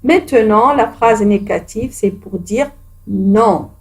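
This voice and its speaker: Slow, patient woman teaching children. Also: a little high. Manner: slow, patient and encouraging, addresses pupils directly. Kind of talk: grammar lesson for children.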